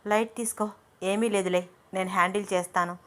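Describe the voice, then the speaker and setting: A level-headed young man talks things through patiently and affectionately, as a woman narrator reads him. His voice stays close to the reader's own middle pitch, with an even, reasoning tone in an audio story. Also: fairly quick, lightly acted. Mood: calm.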